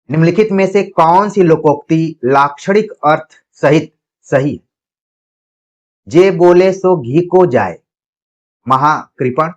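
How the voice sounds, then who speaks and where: A man coaching students for a Hindi exam. He reads each question and its options slowly, then explains the answer patiently and speaks to the students directly. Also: medium pitch, highs cut off. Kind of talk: exam practice lecture.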